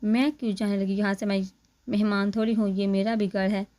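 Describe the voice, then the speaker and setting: Huffy proud young woman, read by a woman, snapping back, flat even tone. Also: medium pitch, a little fast, lightly acted. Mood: indignant. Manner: indignant, huffy.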